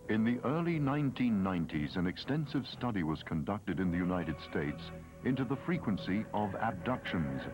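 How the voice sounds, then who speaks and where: A man reading scripted documentary narration in a measured, explanatory way. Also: lowish voice, big pitch swings, poor audio. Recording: narration over loud music.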